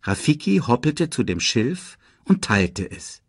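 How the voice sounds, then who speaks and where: A man reading a children's storybook aloud in an expressive, dramatic way. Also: medium pitch, slow, husky, dry recording, studio quality. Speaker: audiobook narrator.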